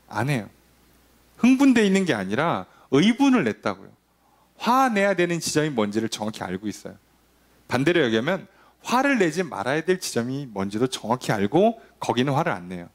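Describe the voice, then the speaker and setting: Here the Sunday preacher speaks fairly quickly in a mid-range voice. His lively style mixes rhetorical questions with short acted-out renditions of the people he cites.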